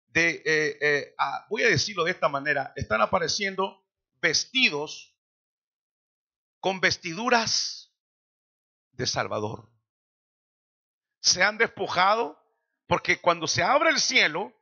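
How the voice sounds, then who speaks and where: A man preaches in a church with a high, lively voice that climbs and drops widely. His tone is bright and gravelly, and he slows down for emphatic quoted lines. The recording sounds dull and lo-fi. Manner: dramatic preaching with slow emphatic quotations. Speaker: pastor. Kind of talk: sermon.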